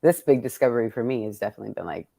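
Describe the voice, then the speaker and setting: Speaking very fast with lively intonation, this woman has an extremely low, mellow voice with vocal fry and a slightly rough edge. She's a poet hosting an event with her readers, chatting casually and reflectively as she thinks aloud in a playful, colloquial way.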